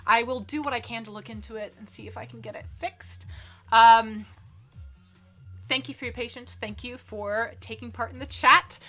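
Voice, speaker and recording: A chatty woman hosts a live stream and talks through viewer comments in a loose, filler-heavy way. Her voice sits a little high and sounds bright and forceful. Faint music plays behind her. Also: fairly even intonation, normal speed. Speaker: livestream entertainment news host. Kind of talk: casual live-stream chat.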